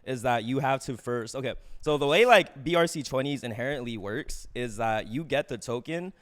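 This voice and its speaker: A man talking through a livestream headset mic, co-hosting a casual chat and rattling off eager explanations full of "like". His voice sits at an ordinary middle pitch for a man. The sound is close and direct, as from a mic near his mouth. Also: normal speed, a bit bright.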